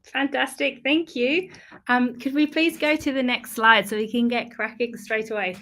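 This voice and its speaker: A Dutch woman presents in an online webinar as a YouTube partner manager. Her voice sits on the high side and sounds fairly bright, with a steady tone and moderate pace. She's fluent and friendly, though she says "um" a lot.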